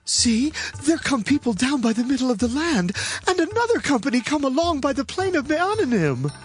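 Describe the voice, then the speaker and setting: An actor playing a boastful, defiant rebel leader in a dramatized Bible reading, declaiming over music. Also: male voice, very high voice, big pitch swings, moderate pace. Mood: alarmed, insistent. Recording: music behind the voice.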